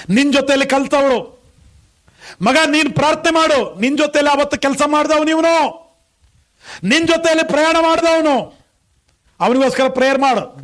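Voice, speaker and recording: A man's voice: very high voice, a bit bright. A male pastor preaching a sermon with a Kannada accent, asking the congregation many questions and calling out hallelujah.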